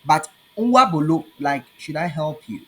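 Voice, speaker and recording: A man with a Ghanaian accent teaching his language in an online lesson, patiently repeating words slowly. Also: fairly high pitch, animated, breathy edge.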